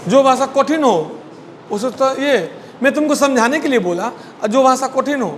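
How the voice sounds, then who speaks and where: A man's voice: extremely high pitch, moderate pace, long reverb tail, a little hiss or hum. A man teaching a Hindi class, drilling word pairs, repeating each word and prompting students to answer. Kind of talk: classroom lesson.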